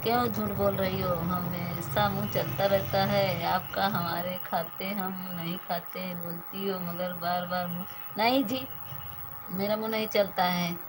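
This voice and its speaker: A woman in her thirties chats on a phone live stream and thanks her viewers one by one. Her voice sits at an ordinary middle pitch. A steady hiss runs under the whole recording. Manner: chatty, thanks viewers by name, banters about food.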